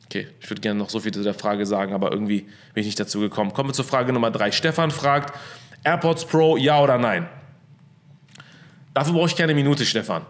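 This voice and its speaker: A man's voice: on the low side, fairly quick. A young man hosting a casual motivational talk from his apartment into a studio microphone, upbeat, with English phrases mixed into his speech. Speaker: host.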